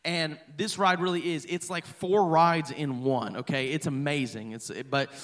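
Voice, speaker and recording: A man's voice: fairly high pitch, steady tone, unhurried, fairly bright tone. A man in his thirties, a pastor, telling a personal story in a chatty, playful sermon to his congregation. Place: church hall.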